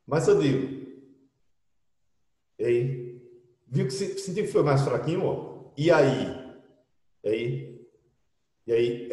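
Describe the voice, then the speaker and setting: A man's voice: medium pitch, dark tone. A middle-aged man with a Brazilian Portuguese accent, teaching an English class online in a chatty, explaining way full of tag questions. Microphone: computer mic in an online class. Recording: roomy echo, speaking from a distance.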